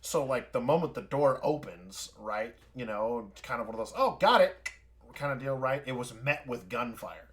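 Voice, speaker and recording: A man's voice: medium pitch, moderate pace, hardly any pauses, fairly bright tone. A man running a tabletop game as game master, narrating scenes with lots of fillers and restarts. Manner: rambling, filler-heavy narration. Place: home, streaming.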